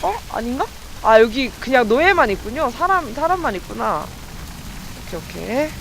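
A woman streamer giving let's play commentary, excitable and talking to her viewers as she plays. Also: a little high, normal speed, gravelly, slight background noise, rough recording. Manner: excitable, talks to viewers while playing. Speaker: game streamer.

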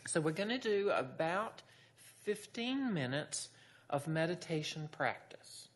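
Low-voiced woman guiding meditation. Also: big pitch swings, a little slow. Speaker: meditation teacher. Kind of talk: guided meditation instruction.

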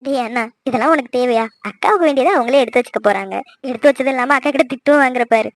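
A woman's voice: high voice, very fast, natural voice. A woman voicing a cheeky younger sister who teases her brother and chatters curiously. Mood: teasing. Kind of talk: cartoon voice acting.

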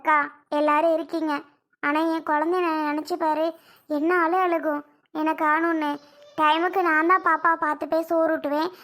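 A woman's voice: very high-pitched, sharp tone, heavily acted. A woman playing an anxious young mother who insistently pleads to go back to her child, in an amateur family drama skit.

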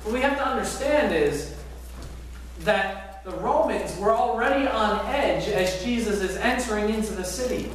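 A middle-aged man preaching a sermon as pastor, animated, asking the congregation rhetorical questions. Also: sits high, moderate pace. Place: large church sanctuary, indoors. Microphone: far camera at back of church. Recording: very echoey sanctuary from far off.

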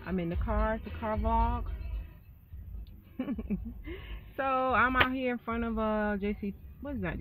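A woman's voice: on the low side, slight background noise, poor audio. A middle-aged woman vlogging casually from a parked car, talking in a rambling, folksy way into a tablet camera. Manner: rambling, folksy, says y'all often. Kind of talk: casual chatty car vlog. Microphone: tablet camera held close.

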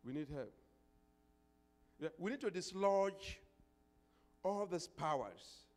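A man's voice: sits high, sing-song, slow pace, a little mellow. An older man preaching a sermon as a pastor, emphatic, repeating phrases and posing call-and-response questions into a handheld microphone. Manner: emphatic, swelling into prayer declarations. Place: indoor church stage. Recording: reverberant church hall.

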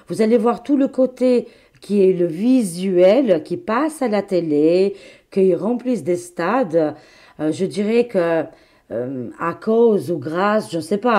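A woman's voice: on the low side, dark tone. A woman doing a casual spoken tarot reading for her viewers, chatty and exclamatory, calling them her friends. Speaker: tarot card reader.

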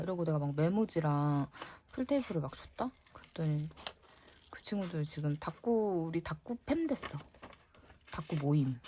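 A woman's voice: on the low side, slight background noise. Chatty young woman musing aloud. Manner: chatty, musing aloud, soft whispers to herself. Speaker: vlogger. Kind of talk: casual chat while decorating a diary.

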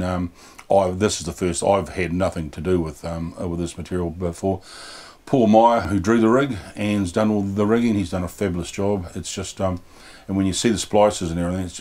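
A New Zealand man in his sixties speaks in a very low voice, plain-spoken and full of fillers. He is a boatbuilder being interviewed in a small yacht cabin on a lapel mic. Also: fairly even intonation, a little fast, darkish tone. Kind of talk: casual interview.

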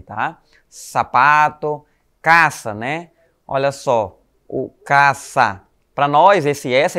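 A man with a Brazilian Portuguese accent, speaking at medium pitch with a fairly bright tone, teaches Spanish to schoolchildren in a recorded online class. He explains patiently, often ends sentences with "né?" and "tá?", calls the students "galerinha", and spells letters out slowly.

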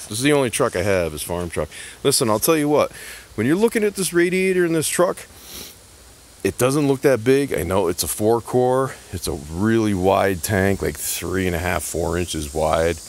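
A middle-aged man from Connecticut with a very deep, low voice chats sarcastically on a home vlog. He jokes and wanders from topic to topic. He is recorded outdoors in a gravel yard on a handheld phone, with faint background noise. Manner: sarcastic, joking, scattered. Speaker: YouTube vlogger and truck tinkerer. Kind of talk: casual rambling vlog. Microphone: handheld phone camera, speaker off-screen.

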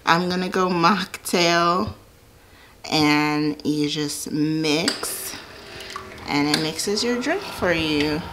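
A woman's voice: deep voice, very slow, background noise. A woman narrating a home tour of her basement in a casual, gushing way with frequent ums.

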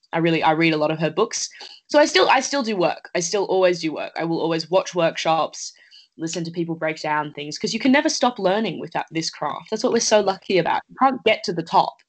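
Earnest teenage actress on a video call. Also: female voice, sits low, poor audio. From Australia. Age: late teens. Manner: earnest, thoughtful, chatty with many fillers. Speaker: actress, interview guest. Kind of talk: casual interview over video call. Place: indoors at home. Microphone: laptop webcam on a video call.

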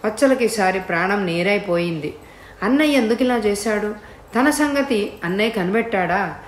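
A woman narrating an audiobook story in a steady, measured voice. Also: medium pitch, echoey room.

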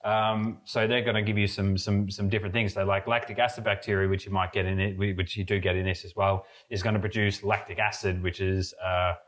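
A young podcast co-host and mead brewer tastes a homebrew in an indoor brewery room with steel tanks. His low voice is brisk with hardly any pauses, and his relaxed, rambling chatter is peppered with fillers and restarts.

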